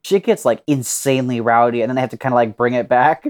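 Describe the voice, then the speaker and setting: An excitable young man brainstorming on a podcast, rambling with lots of fillers and swearing. His voice is smooth and clear at an average pitch. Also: fast. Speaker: podcast co-host. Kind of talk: casual story brainstorming.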